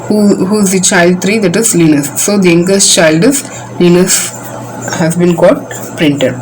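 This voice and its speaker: A woman's voice: fairly low pitch, unhurried, a little mellow, slight background noise, poor audio. A woman teaching a computer science class. She walks patiently through code line by line, starting most sentences with "so". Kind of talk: classroom coding demo lesson.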